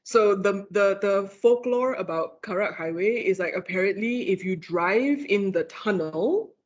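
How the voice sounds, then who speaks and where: A woman's voice: mid-range voice, a little slow. A woman guest lecturer with a Malaysian English accent, telling a ghost story on a casual podcast with lots of "like" fillers and giggles. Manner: animated, giggly, many "like" fillers.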